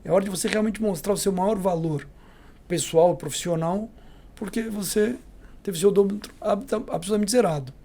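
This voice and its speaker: A middle-aged Brazilian man with a Brazilian Portuguese accent, a company CEO telling lively anecdotes as a podcast guest, acting out the dialogue. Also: sits high, moderate pace. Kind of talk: storytelling in a podcast interview.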